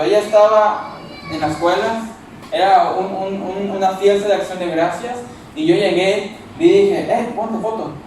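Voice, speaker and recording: A pastor with a Monterrey accent preaches in a loud, forceful voice that sits high for a man. He sounds far from the microphone in a very echoey church hall, with faint noise underneath. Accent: northern Mexican (Monterrey). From Monterrey, Mexico. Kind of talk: sermon.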